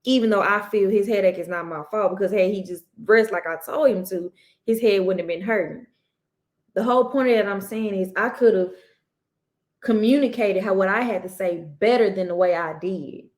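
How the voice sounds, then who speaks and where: A woman's voice: medium pitch, moderate pace. Earnest woman telling a family story. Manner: earnest, circling back and restarting as she tells a story. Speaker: podcast co-host; mother. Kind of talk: casual storytelling chat.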